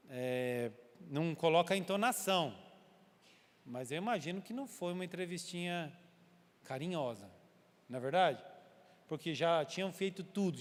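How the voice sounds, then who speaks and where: A man preaching a sermon in a church, telling a story animatedly and acting out its scenes while calling his listeners brother. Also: high voice. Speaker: pastor. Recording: long church-hall reverb.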